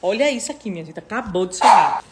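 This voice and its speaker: A woman's voice: medium pitch, lively intonation, fast, very noisy. Chatty Northeastern Brazilian woman vlogger. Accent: Northeastern Brazilian Portuguese. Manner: emotional and chatty, keeps addressing viewers. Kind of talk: casual chat to followers. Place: at home.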